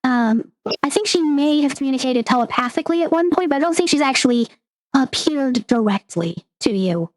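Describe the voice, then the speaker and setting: A woman's voice: sits high, expressive, brisk, dry recording, rough recording. A woman game master narrating a tabletop roleplaying game in a descriptive, scene-setting way.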